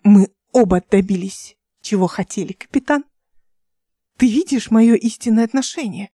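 Lady doing a creepy sneering overlord guy, hissy half-whisper, soft dark voice. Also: mid-range voice, moderate pace, husky, dry recording, studio quality, close to an everyday voice. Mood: taunting. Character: scheming male overlord, mocking and menacing.

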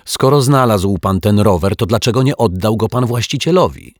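A man's voice: fairly low pitch, expressive, moderate pace, dry recording, studio quality, pitched above the performer's own voice. A man voicing a gloomy, plain-spoken caretaker in a children's audiobook, with a muttering, weary manner. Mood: grumbling.

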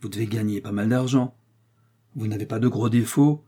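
A man voicing a shrewd, blunt older village mayor from Normandy, lecturing his son-in-law in a dark, husky voice. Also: lowish voice, steady tone, normal speed, natural voice. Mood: stern.

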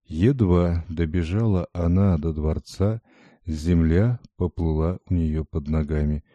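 A man reading a fairy tale aloud in a measured, dramatic way, scripted storybook narration. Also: sits low, dark tone, dry recording, dull audio. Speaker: audiobook reader.

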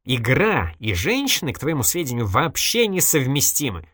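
A reader voicing a wisecracking evasive journalist. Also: male voice, mid-range voice, huge pitch swings, normal speed, a bit bright, slightly rough, no room sound, clean studio sound, pitched above the performer's own voice, exaggerated voice. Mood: wry. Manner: dodging, mock-innocent, ironic. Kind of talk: audiobook character voice.

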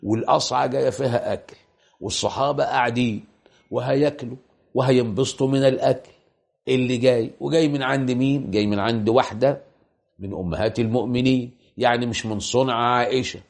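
Man, Egyptian Arabic accent, preacher, colloquial sermon, rhetorical questions, fast, gravelly. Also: mid-range voice. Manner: rhetorical questions and emphatic repetition. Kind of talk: colloquial religious lecture.

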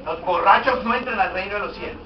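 High-voiced, joking pastor in an echoey hall. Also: male voice, fast, highs cut off, slight background noise. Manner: jokey, animated, asks the congregation questions. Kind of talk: humorous sermon. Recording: echoey hall, mic at a distance.

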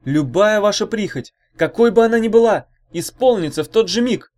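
Slick showy con man working a crowd, as a male reader puts him on; loud, high, swooping pitch. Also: animated, moderate pace. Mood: enticing. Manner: loud, rising, theatrical pitch. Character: slick wheedling male swindler, showy persuader.

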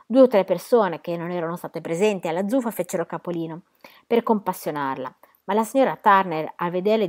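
A woman reading a novel aloud, narrating in a steady, measured way. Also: on the low side. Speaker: reader. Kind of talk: audiobook narration.

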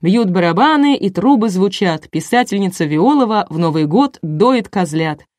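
A woman's voice: medium pitch, expressive, moderate pace, darkish tone, no room sound, studio quality, lightly acted. A woman reading an audiobook, voicing a showy male TV show host with hyped-up announcing.

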